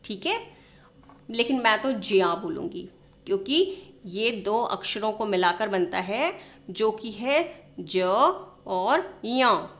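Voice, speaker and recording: A woman's voice: mid-range voice, a little slow. A woman teaching the Hindi alphabet, sounding out each letter and often checking in with her viewers. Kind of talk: slow alphabet lesson.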